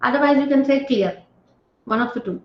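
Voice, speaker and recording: Woman trainer, high voice, keeps asking the group "right?", roomy and dull call audio. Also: brisk. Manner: engaging, often checks in with "right?" and questions to participants. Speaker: stress management trainer. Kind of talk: online training lecture.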